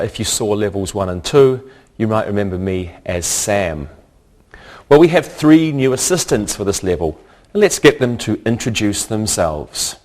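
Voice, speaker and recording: Slow, deliberate low-voiced male teacher. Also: a little mellow. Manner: slow, deliberate, repeats words for learners. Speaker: English teacher. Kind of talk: scripted language lesson.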